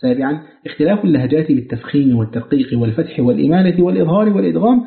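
A man's voice: on the high side, lively intonation, gravelly. Man reading a scholarly book, echoey. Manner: measured formal reading, slows to chant Quranic verses. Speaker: audiobook reader. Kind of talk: reading an Islamic studies book aloud. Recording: echoey, phone-like narrow sound.

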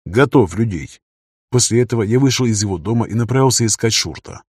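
A man narrates a first-person audiobook in an even, measured way. His voice is husky, with a middling pitch. The recording is dry and close, with no room sound. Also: no echo. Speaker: audiobook reader.

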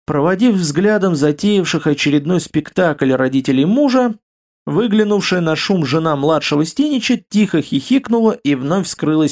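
A man narrating an audiobook in a steady, measured reading voice. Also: fairly high pitch.

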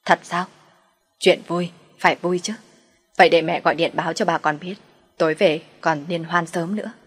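Woman voicing a domineering older mother-in-law, loud and scolding. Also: lowish voice, fairly even intonation, normal speed, slightly rough. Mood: reassuring. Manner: scolding, sharp, contemptuous.

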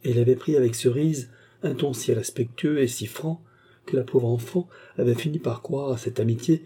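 A man narrating a classic novel in a steady, measured audiobook reading. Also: mid-range voice, husky.

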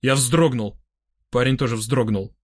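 A man narrating a first-person audiobook in an expressive, dry-humored manner. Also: medium pitch, a little slow, no echo.

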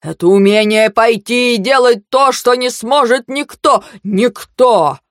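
A woman voicing a stern old male mentor who lectures and shouts in anger. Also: fairly low pitch, unhurried, no room sound, studio quality. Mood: shouting.

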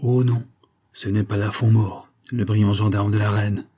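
A man voicing a brusque, commanding colonel with a high, clipped military voice. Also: flat delivery, moderate pace, dark tone, husky. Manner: curt, commanding. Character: brusque loud male cavalry colonel.

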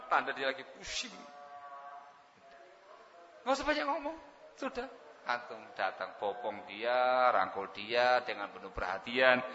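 A man preaching a sermon, acting out household scenes and swinging between loud outbursts and hushed asides. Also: fairly low pitch, big-room sound, lo-fi sound, a little hiss or hum.

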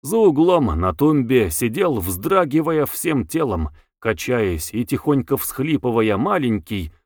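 A man's voice: mid-range voice, no echo, studio quality. A man narrating a novel as an audiobook, reading expressively.

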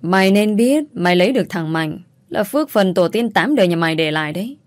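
A woman's voice: mid-range voice, lively intonation, fast, no echo, studio quality, close to an everyday voice. A woman voicing a harsh, bullying sister-in-law in a told story, scolding and insulting with contempt. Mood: scornful scolding. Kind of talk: storytelling, acted dialogue.

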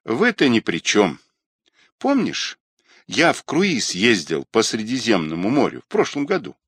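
Guilt-ridden young trader, self-pitying, read by a male narrator, swooping wide in pitch. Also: huge pitch swings, unhurried, fairly bright tone, slightly rough, no echo, studio quality, full character voice. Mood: rueful.

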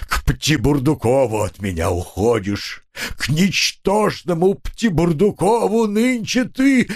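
A man voicing a self-pitying, melodramatic husband who whines through his nose in a drawn-out, declaiming way. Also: a little high, voice pushed up, exaggerated voice. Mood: whining. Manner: drawn-out nasal whining, declaiming in verse. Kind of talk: audiobook character voice.

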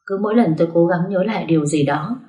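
A woman narrating a story in a steady, even reading voice. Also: on the low side, quick pace, lo-fi sound. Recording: roomy echo.

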